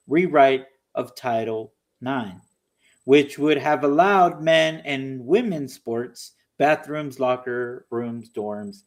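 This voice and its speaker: A man chatting on a casual podcast, his pitch swinging up and down as he talks. He speaks animatedly, filling his talk with "you know" and slipping into mocking voices. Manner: animated, mocking impressions of opponents. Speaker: podcast co-host. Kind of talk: casual political chat.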